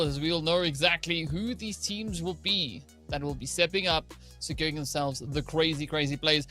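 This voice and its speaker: A man's voice: fairly high pitch, pushed and bright. A man co-casting an esports match, talking at length and often adding "right?" to his points. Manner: wordy, fills with "right?" and "like". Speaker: esports caster. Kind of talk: esports color commentary.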